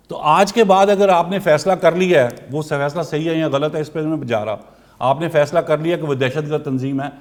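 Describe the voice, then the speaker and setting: Heated male political commentator, higher voice. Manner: pointed, rhetorical questioning, grows heated.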